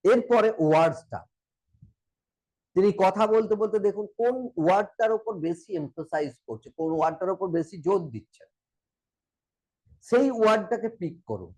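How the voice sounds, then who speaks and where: A man's voice: high voice, animated, normal speed, pauses often, darkish tone, low-quality recording. A man with a Bengali accent teaching a coaching lesson, acting out short example conversations as he explains. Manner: explains with acted example dialogues. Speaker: mental wellness coach.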